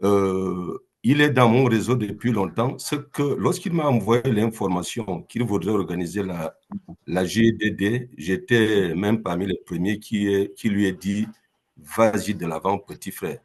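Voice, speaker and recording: A Gabonese company founder joins a Zoom call as a guest and talks off the cuff, hesitating and repeating words. His voice is fairly low and his pace unhurried.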